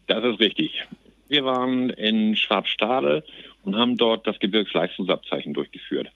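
A man's voice: on the low side, expressive, normal speed, no echo, narrow, tinny audio. A man speaking as a sergeant major guest in an interview, colloquial and plain-spoken. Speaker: army company sergeant major, podcast guest. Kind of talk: casual interview talk.

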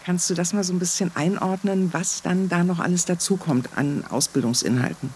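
A woman's voice: on the low side, a little fast, darkish tone, slight background noise. A woman hosting a podcast, asking questions in a conversational interview style. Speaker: podcast host, military editorial reporter.

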